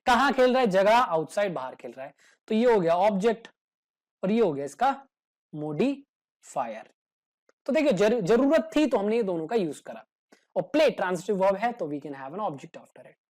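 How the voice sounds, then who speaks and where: A man explains English grammar as a teacher in an easygoing, humorous way. He acts out small everyday dialogues to make his examples clear. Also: high-pitched, very animated, normal speed, a little mellow. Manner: casual and joking, acts out little everyday dialogues.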